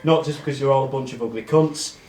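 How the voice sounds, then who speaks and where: A man speaks in a flat, monotone voice, rambling and poking fun at himself as he addresses his friends. His voice sits at an ordinary middle pitch. The room is echoey, with a faint hiss of noise underneath. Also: fast. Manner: self-deprecating, rambling with ums. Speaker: award speech giver among friends. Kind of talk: casual speech read to friends.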